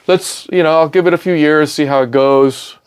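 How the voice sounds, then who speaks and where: This podcast guest, a middle-aged recording engineer and studio owner, has a somewhat high, clear, resonant voice with fairly even intonation at normal speed. He has a British accent from growing up in England and Scotland after being born in Milan. Recorded in a studio, his casual stories are full of "man" and "you know."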